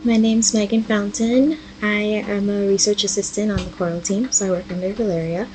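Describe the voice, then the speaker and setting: A woman research assistant from the Bahamas, explaining things in a brisk, straightforward way. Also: mid-range voice, fairly even intonation, a little mellow, poor audio.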